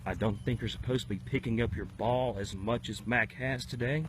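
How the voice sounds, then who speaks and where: A man doing mock-formal televised golf commentary for friends outdoors, sometimes dropping to a hushed announcer voice. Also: medium pitch, steady tone, normal speed. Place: outdoors on a windy course. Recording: loud wind noise outdoors.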